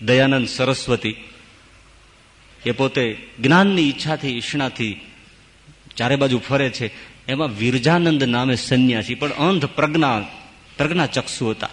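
A male monk delivering a devotional sermon as a story. He swings between loud exclamations and hushed low phrases. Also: moderate pace, long pauses, big-room sound.

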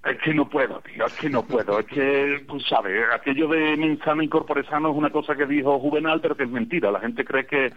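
A man's voice: medium pitch, a little fast, hardly any pauses. A Spanish man with an Andalusian accent, a radio guest calling in and chatting casually, a digressive storyteller with wry humor. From Spain. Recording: tinny phone line.

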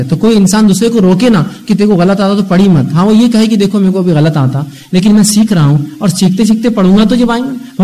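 High-voiced man giving a lively religious lecture. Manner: animated, acts out scolding voices. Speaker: Islamic lecturer.

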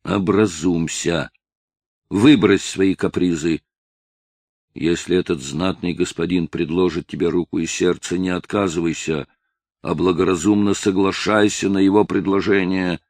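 A man's voice: low-pitched, steady tone, measured pace, a little mellow, no room sound, studio quality. A man voicing a harsh old hunchbacked woman who bullies a young girl, in a scolding, commanding manner.

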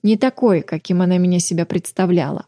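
A woman narrating a first-person romance novel in an audiobook, in a steady, intimate reading. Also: lowish voice, a little fast, dry recording, clean studio sound.

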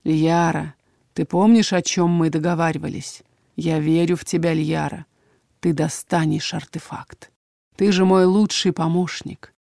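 A woman voicing a mysterious tall man in a cloak, low, slow and hushed. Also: steady tone, vocal fry, no echo, studio quality. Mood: coaxing.

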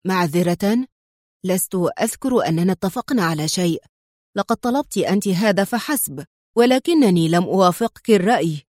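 A woman's voice: mid-range voice, animated, moderate pace, no room sound, clean studio sound, lightly acted. A woman voicing a sly, guarded male kingpin. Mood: wry. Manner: ironic, guarded, turns sharp. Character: smooth, sly male businessman, a city kingpin.

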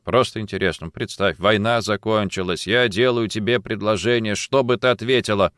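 A man's voice: fairly even intonation, moderate pace, no room sound, clean studio sound, natural voice. A male audiobook reader voicing a stern police major who questions coldly and insistently. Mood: probing. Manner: cold, insistent questioning, low and quiet at times. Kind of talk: audiobook character reading.

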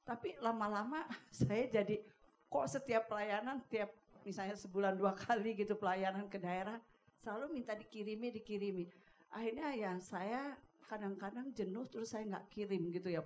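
A woman's voice: mid-range voice, darkish tone. A woman from the congregation politely and hesitantly telling an experience and asking the pastor a question. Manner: polite, hesitant, many fillers. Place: church hall.

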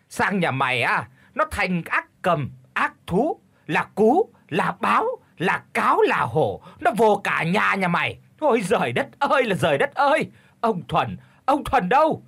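A woman's voice: medium pitch, a bit bright, slightly rough, full character voice. A woman voicing a foul-mouthed village wife who screeches curses at a thief, in an audio story.

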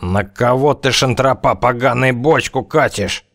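A man voicing a tough, slang-talking gunman who threatens and mocks in a slow drawl. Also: mid-range voice, fairly bright tone, voice pushed up. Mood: menacing mockery. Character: tough slangy male gunman, menacing, scornful.

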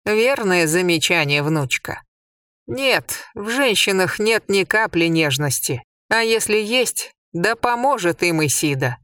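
A reader voicing a sharp-tongued, scornful old grandmother in an audiobook, speaking slowly and mockingly. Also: on the low side, expressive, dry recording, studio quality. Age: older. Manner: mocking, blunt. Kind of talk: audiobook character voice.

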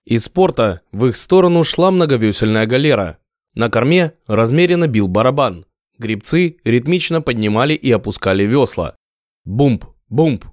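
Male audiobook narrator, lively reading, dry room. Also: medium pitch, no room sound. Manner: lively, measured storytelling. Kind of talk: scripted narration.

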